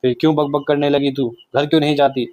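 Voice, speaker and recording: A man voicing a calm, restrained farmer who firmly scolds, in a storybook reading. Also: on the high side, fast talker, no room sound, lightly acted. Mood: stern. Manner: firm, scolding.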